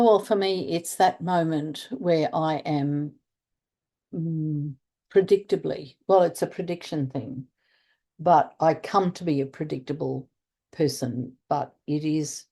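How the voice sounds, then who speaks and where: An older Australian woman, a restorative practice trainer, speaks earnestly in a conversational interview. Her voice is low, slow, and warm, and she searches for words while stressing key points.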